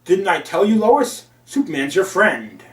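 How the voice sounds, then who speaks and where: A man voicing a cheerful, gruff middle-aged male newspaper editor who stammers through his booming good wishes, recorded in a roomy space away from the mic. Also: sing-song, measured pace. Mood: jovial. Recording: roomy, from a distance.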